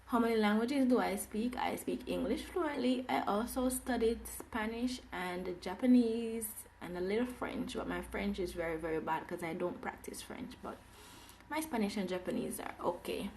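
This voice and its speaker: A woman's voice: mid-range voice, normal speed, creaky, a little mellow, a little hiss or hum. A woman from Jamaica teaching English on a live phone stream, cheerfully greeting viewers and repeating her welcomes.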